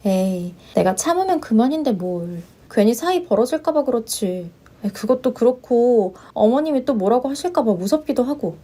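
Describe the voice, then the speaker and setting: A woman voicing a polite, long-suffering young wife who speaks in a measured way and turns firm under pressure. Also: fairly high pitch, expressive, dark tone. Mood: worried. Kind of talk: story narration with voiced roles.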